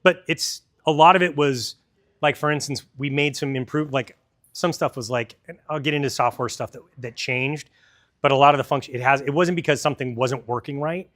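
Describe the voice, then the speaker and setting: A man's voice: mid-range voice, fairly quick, a bit bright. A man presenting a product in a store demo, talking casually and explaining technical details to a crowd.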